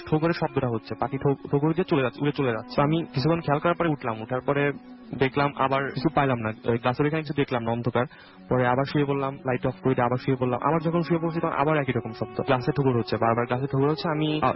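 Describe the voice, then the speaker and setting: A young man from Bangladesh calling in to tell a true ghost story in casual, halting speech full of restarts and self-corrections. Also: on the high side. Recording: dull lo-fi radio audio with faint music.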